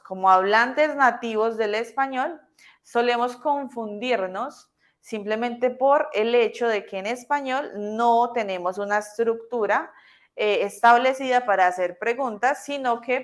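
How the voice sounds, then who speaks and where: A young woman teaching an online class in a bright, fairly high voice. She talks the students through the material patiently and moves back and forth between English and Spanish as she explains.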